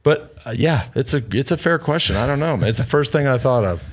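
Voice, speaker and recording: A man co-hosting a podcast, telling a story in animated, rambling, profane casual chat with many restarts. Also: medium pitch, a little fast. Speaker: podcast co-host.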